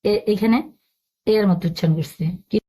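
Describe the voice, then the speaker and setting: A woman's voice: medium pitch, moderate pace, mellow, breathy edge. A woman teaching a spoken lesson, patiently spelling out words letter by letter.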